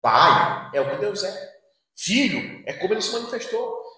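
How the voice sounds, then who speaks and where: A male preacher delivers a dramatic sermon, acting out quoted lines. His voice sits high and leaps widely in pitch, jumping from loud cries to hushed asides. The church hall wraps every word in heavy echo. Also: very animated, normal speed.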